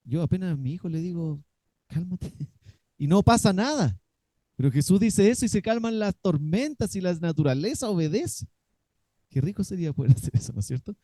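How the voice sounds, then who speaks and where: Emphatic pastor, warm dark voice. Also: male voice, sits high, big pitch swings, a little fast, no room sound. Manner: emphatic, asks the congregation questions, acts out quotes. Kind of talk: sermon.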